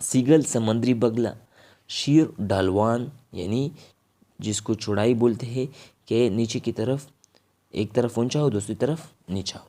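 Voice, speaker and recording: Mellow-voiced Pakistani man teaching vocabulary. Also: medium pitch. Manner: explains each word, stresses the term. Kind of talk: vocabulary lesson, word then meaning.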